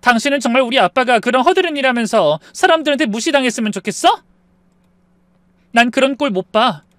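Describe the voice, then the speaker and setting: Brief: shrill, defensive young wife, high and loud, dry close sound, read by a man. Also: animated, fairly quick, no echo. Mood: angry. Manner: shrill, raised voice, accusing.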